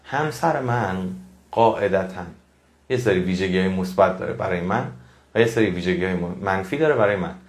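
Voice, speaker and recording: A man's voice: low-pitched, expressive, reverberant. A man giving a motivational talk to his audience, earnest and preachy, repeating phrases for emphasis. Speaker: motivational speaker.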